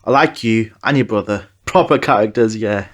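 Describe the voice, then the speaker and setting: A woman's voice: a bass voice, moderate pace, voice pushed down. A woman voicing a kindly, plain-spoken man who runs a takeaway, speaking frankly and in a friendly way.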